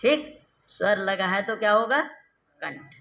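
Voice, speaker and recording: A man teaching Sanskrit grammar in a classroom lecture, repeating terms and quizzing his students with rhetorical questions, slowing down and drawing out key syllables. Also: high-pitched, expressive, vocal fry, bright, forceful tone, slight background noise. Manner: slow, drawn-out stressed syllables when explaining.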